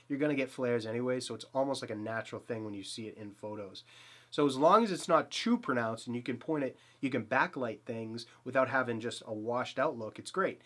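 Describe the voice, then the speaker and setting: His voice sits at medium pitch with a fairly bright tone. In a small, dim home studio, the Boston-accented photography channel host, in his thirties, eagerly and casually reviews a portrait lens to camera, full of fillers, restarts and rambling.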